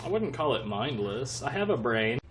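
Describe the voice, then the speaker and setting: A man's voice: mid-range voice, big pitch swings, normal speed, a bit bright, soft background music. A man live-streaming a game, chatting casually with dry, joking banter and free swearing into a desk microphone. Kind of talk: casual live-stream chat while gaming.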